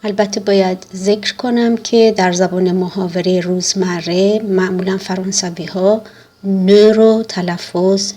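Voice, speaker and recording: A woman teaching French grammar in Persian. She reads the French examples slowly and carefully, with frequent hesitant fillers between phrases. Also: medium pitch, breathy edge. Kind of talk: grammar lesson explanation.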